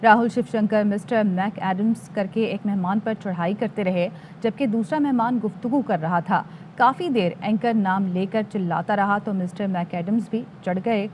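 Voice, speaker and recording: A female news anchor reading headlines in a steady, formal manner. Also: mid-range voice, moderate pace, slight background noise.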